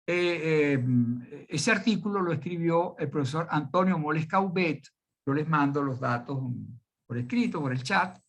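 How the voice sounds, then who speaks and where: A man's voice: a little high, a bit bright. An older man with a Venezuelan accent giving a university law lecture online, with many fillers and restarts as he wanders into side remarks. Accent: Venezuelan Spanish. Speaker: law professor.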